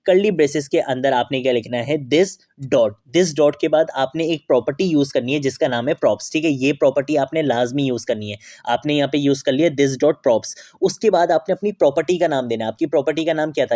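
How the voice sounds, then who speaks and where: A man's voice: mid-range voice, brisk, few pauses, darkish tone, no echo, clean studio sound. A man teaching a screen-recorded coding tutorial, explaining step by step, asking and answering his own questions and checking in often. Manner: repeats "theek hai" often as a check-in. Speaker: programming tutor.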